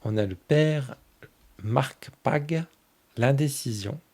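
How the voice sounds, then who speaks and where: Man, mid-range voice, relaxed tarot host, unhurried deck walk-through, soft and fond. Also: mid-range voice. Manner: gushes fondly over each card. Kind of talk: casual oracle deck flip-through.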